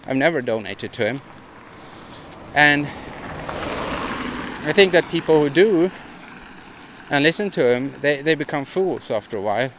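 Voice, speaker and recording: A man's voice: a little high, expressive, a little slow, pauses often, fairly bright tone, slight background noise. Male podcast host, solo monologue; rambling, opinionated, frequent restarts and repeats. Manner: opinionated, ranting delivery.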